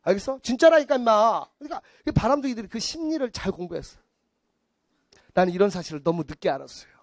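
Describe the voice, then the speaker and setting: A man's voice: sits high, expressive, fast talker, no echo. A man in his forties lecturing a class on math, blunt and teasing, acting out little scenes of the people he talks about.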